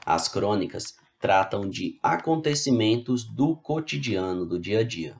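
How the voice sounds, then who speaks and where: Teaching an online class, a man with a lowish, creaky voice reads from his slides and then restates each point in simple terms, very animated but at a measured pace. He keeps checking on his students in a casual way, tossing in "né?" and "tá bom?".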